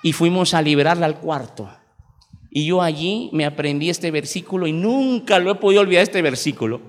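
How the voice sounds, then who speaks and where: A Mexican pastor in his forties with a high voice, preaching in an animated, emphatic storytelling style. His words carry through the long reverb of a large church hall. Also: a little fast. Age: 40s. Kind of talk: sermon.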